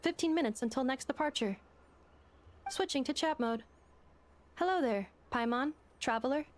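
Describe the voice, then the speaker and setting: A woman's voice: sits high, expressive, moderate pace, a little hiss or hum. A woman voicing a polite, unflappable robot girl courier in a video game, with a clipped, formal, mechanical manner. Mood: matter-of-fact.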